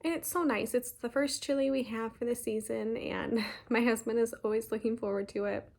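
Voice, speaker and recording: A woman, chatting casually in a stitching vlog, talking fast and rambling with many ums and restarts. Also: fairly high pitch, steady tone, creaky, a little mellow. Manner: talks fast. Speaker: flosstube host.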